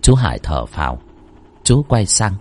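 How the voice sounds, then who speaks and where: Male horror narrator, low and husky, lively dramatic reading. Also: unhurried. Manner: dramatic storytelling. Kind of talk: scripted horror story narration.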